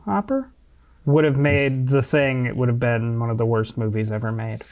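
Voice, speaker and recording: Relaxed man sharing podcast trivia. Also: mid-range voice, moderate pace. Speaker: podcast co-host. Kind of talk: casual chat.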